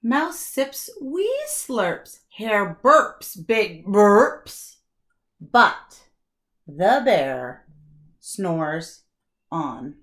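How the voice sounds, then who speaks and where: Like a kindergarten teacher, a woman reads a children's storybook aloud with expressive delivery, deliberate dramatic pauses, and emphasis. Her voice is medium in pitch.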